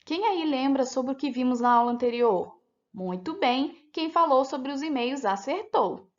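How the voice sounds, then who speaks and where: A woman teacher with a Brazilian Portuguese accent, talking children through a lesson with slow, clear, deliberate pronunciation. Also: sits high, lively intonation. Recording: dull lo-fi sound.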